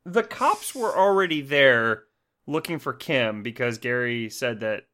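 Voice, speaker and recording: A man's voice: medium pitch, a little slow. A man co-hosting a podcast, mocking the movie in casual chat. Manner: animated, mocking. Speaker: podcast co-host.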